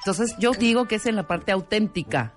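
A woman's voice: mid-range voice, a little fast. A woman with a Mexican accent co-hosting a talk show, chatting casually in a playful, joking, sing-song way. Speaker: radio co-host. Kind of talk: casual chat. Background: background music.

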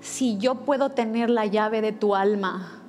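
A woman pastor preaching a sermon, telling a lively personal story and acting out quoted lines. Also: medium pitch, unhurried, soft background music. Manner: animated storytelling with acted quotes.

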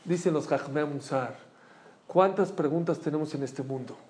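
Animated man teaching Torah. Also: on the high side, normal speed. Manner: animated, asks listeners questions. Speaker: rabbi teaching a Torah class. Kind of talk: storytelling Torah lesson to a small group.

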